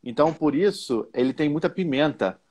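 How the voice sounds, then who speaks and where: A man's voice: fairly high pitch, lively intonation, a little fast, a little mellow. A Brazilian man hosting a casual chat, asking questions, correcting words and telling a long explanatory story. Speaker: host teaching Portuguese. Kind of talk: casual conversational interview.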